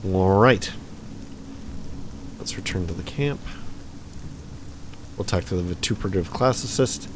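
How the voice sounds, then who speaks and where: Low-voiced man reading a game aloud. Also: a little slow, pauses often, a little hiss or hum. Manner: chatty, reads game text with asides and small slips. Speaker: let's play host. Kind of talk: casual let's play commentary, reading game text aloud.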